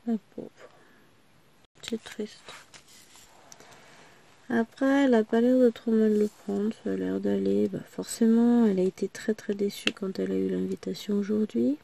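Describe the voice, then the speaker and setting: A woman rambles through a casual vlog chat, full of little asides. Her voice is gravelly and still cracks now and then after a recent loss of voice. Her pitch sits in an ordinary middle range. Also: steady tone, a little slow, long pauses, mellow, slight background noise. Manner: rambling, chatty, many small asides. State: voice still breaking after losing it. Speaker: vlogger.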